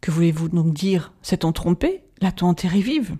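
A proud young nobleman , voiced by an audiobook narrator, speaks with heated indignation. The tone stays dark and mellow under the anger. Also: mid-range voice, expressive, normal speed, husky. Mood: indignant.

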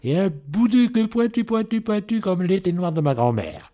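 Brief: man voicing a proud, chattering young wife, high and teasing, stage comedy reading. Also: very animated, moderate pace, dark tone. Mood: gushing.

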